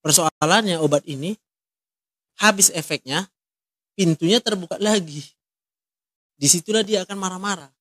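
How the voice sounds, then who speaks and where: Man, high voice, dry close sound, a counselor who presses with blunt questions. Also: moderate pace, long pauses, fairly bright tone, no echo. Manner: direct, asks many short probing questions. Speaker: counselor in a ministry. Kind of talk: one-on-one counseling talk.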